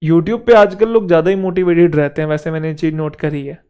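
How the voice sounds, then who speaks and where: A young man teaching an exam-prep lesson, reading passage lines slowly and then explaining them casually. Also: fairly high pitch, steady tone, a little mellow, smooth. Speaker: English teacher.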